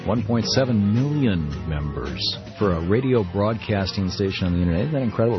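A man's voice: lowish voice, slightly rough. A man hosting a live radio talk show in a conversational way. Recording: dull radio broadcast audio, faint music.

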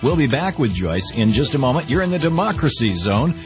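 A man's voice: medium pitch, sing-song, a little fast, over music. A man hosting a radio talk show, addressing guest and listeners as he leads into a break. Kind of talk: radio interview and segment outro. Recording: dull, muffled radio broadcast.

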